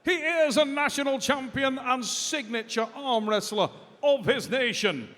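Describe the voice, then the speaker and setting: A man announcing and interviewing at a live sports event, with a booming, pumped-up announcer delivery that draws out names. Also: unhurried, fairly bright tone. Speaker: ring announcer and post-match interviewer. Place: large indoor event arena. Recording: long hall reverb.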